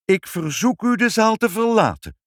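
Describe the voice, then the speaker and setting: A man's voice: sits high, sing-song, moderate pace, dry recording, studio quality, pitched above the performer's own voice. A man voicing a dignified, commanding grown woman in a storybook reading. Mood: stately. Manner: stately and commanding. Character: dignified stern grown woman, the mayor's wife.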